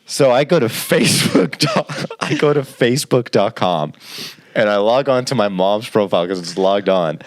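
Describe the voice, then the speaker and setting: A young man in his twenties co-hosting a podcast, telling a rambling, animated story and laughing as he goes. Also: on the low side, normal speed, dry recording. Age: 20s. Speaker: podcast co-host. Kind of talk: casual storytelling chat.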